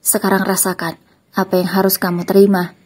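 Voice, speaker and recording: A woman's voice: mid-range voice, little pitch movement, fairly quick, darkish tone, a little hiss or hum, lightly acted. A woman voicing a betrayed husband who speaks in a stern, threatening way. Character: betrayed husband, cold and angry.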